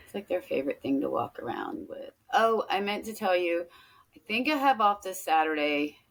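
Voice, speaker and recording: Here a teacher who co-hosts a podcast keeps the conversation loose, jumping between subjects in casual chat. Her voice sits fairly low, moving at a normal speed with lively intonation.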